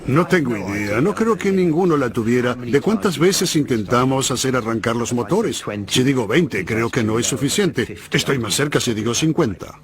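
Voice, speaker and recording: A man dubs a reflective veteran male pilot in a documentary interview. He speaks Latin American Spanish at a middling pitch, recalling events in a matter-of-fact way. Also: expressive, normal speed, natural voice.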